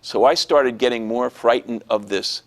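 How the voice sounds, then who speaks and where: A man telling a personal testimony in an interview, animated and acting out the voices of people he quotes. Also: mid-range voice, normal speed.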